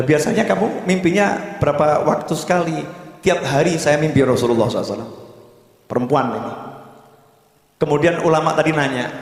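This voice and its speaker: A man preaching a sermon, telling stories and then loudly urging the congregation. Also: a little high. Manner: storytelling, rising to loud urging. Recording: echoey hall.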